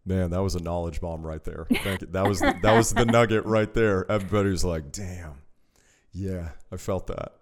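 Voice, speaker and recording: A man hosting a podcast, chatting casually and getting animated when he stresses a point. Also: sits low, quick pace, few pauses. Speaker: podcast host. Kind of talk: casual chat.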